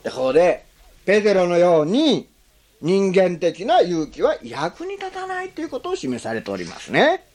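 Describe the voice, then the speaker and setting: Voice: medium pitch, wildly swooping pitch, a little mellow. A pastor preaching a sermon, asking the congregation questions and adding frequent tag words between phrases. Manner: slows on key phrases, speeds up when explaining.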